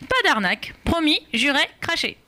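A woman's voice: sits high, very animated, moderate pace, bright, forceful tone, heavily acted. A woman voicing a scheming storyteller who coaxes the wolf with wheedling promises. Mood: coaxing. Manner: coaxing, wheedling. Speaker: guest reader.

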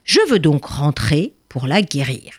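A woman's voice: low-pitched, big pitch swings, measured pace, husky, voice pushed down, heavily acted. A woman voicing a humble, self-assured male shoemaker who insists he can cure a princess. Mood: earnest.

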